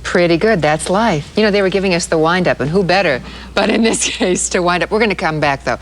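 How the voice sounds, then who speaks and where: A woman's voice: on the low side, fairly quick, slight background noise. A woman hosting a broadcast talk show, interviewing a guest in a casual conversational style. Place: television studio.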